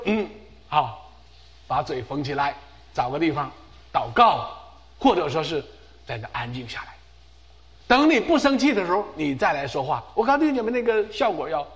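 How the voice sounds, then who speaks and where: A middle-aged man preaching a sermon as pastor, emphatic and repeating phrases for stress. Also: high voice.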